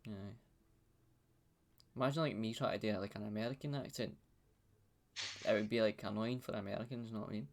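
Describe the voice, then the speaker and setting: Sweary Scottish man with gravelly voice. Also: fairly low pitch, steady tone, fairly quick, long pauses. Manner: sweary, blunt, laid-back banter. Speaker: podcast host. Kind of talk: casual chat. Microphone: webcam video call.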